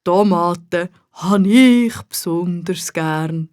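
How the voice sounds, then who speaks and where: A woman voicing a slow, deep cheerful garden gnome. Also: a little mellow, clear, resonant tone, no echo, studio quality. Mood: content. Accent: Swiss German. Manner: slow, deep-toned, contented. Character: cheerful talkative male garden gnome, unhurried. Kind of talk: children's storybook reading.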